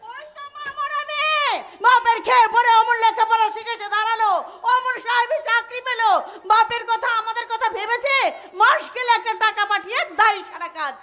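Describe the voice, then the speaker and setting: A woman's voice: very high-pitched, a little fast, pushed and bright. An actress playing a widowed middle-aged mother who scolds and speaks with emphatic stage delivery, in live folk-theatre acting. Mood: bitter. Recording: live stage mic with music behind.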